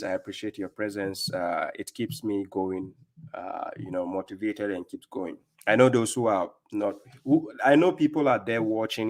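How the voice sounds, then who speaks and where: A man's voice: lowish voice, darkish tone. A middle-aged man from Ghana with a Ghanaian accent, hosting a live-stream religious talk, speaking emphatically and checking in with "right?" as he goes. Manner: emphatic, repeats "right?" often, greets viewers by name. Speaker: livestream host and religious speaker.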